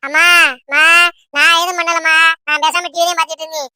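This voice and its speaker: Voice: very high-pitched, fairly even intonation, quick pace, bright, forceful tone, dry recording, studio quality, full character voice. A voice actor playing quarrelling teenage siblings in a cartoon who whine and tattle on each other. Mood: whining. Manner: whining, tattling. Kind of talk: Tamil cartoon voice acting.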